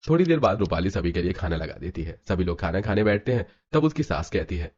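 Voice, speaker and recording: A man narrating a scripted animated story in a brisk storytelling manner. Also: low-pitched. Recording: dull lo-fi with music.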